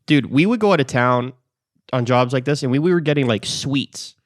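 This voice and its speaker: A man's voice: medium pitch, moderate pace, no room sound, clean studio sound. A young man telling stories on a casual podcast, swearing freely and laughing often. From Canada. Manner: profane, laughs often, storytelling. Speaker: podcast co-host.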